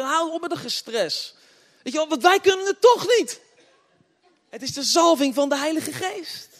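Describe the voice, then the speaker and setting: A man preaching a humorous testimony sermon, telling stories with laughter and swinging between hushed and loud. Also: very high voice. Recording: long hall reverb.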